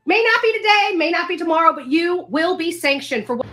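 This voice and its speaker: Speaking a little fast in a very high, slightly bright voice with lively intonation, an online commentator delivers an unscripted rant and advice to camera. Her manner is emphatic, repetitive, and confrontational. The recording has a roomy echo and faint noise.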